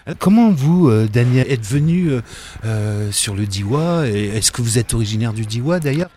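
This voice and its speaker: A man asks an official long questions, feeling his way with fillers and restarts. His voice has a mellow, dark tone at a middling pitch. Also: expressive, moderate pace, a little hiss or hum. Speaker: interviewer. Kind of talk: interview questions.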